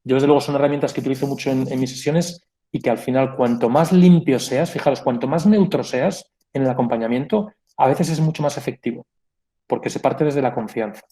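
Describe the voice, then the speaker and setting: A man's voice: medium pitch, fairly quick, warm tone. A man giving a reflective pastoral conference talk, explaining ideas with asides and small self-corrections. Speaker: conference speaker.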